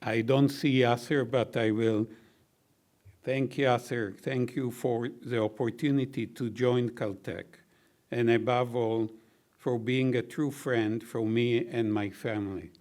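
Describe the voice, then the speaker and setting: Closing out a university reception, an older honoree with a baritone delivers a heartfelt, formal thank-you, measured and very slow. His middle-range pitch holds a fairly even intonation throughout. He lightens his gratitude with the odd gentle joke.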